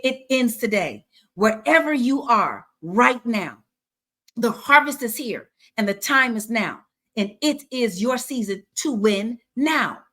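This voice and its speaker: A woman's voice: a little high, fairly bright tone. A middle-aged woman who teaches personal finance, running a webinar and answering questions with an encouraging, preacher-like cadence and lots of repetition. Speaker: financial educator.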